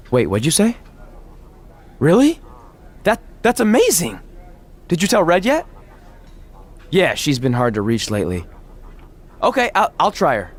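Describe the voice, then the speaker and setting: This slightly high male voice belongs to an actor in a game cutscene. He plays a former wrestler now hosting television, a goofy, upbeat character full of playful excitement.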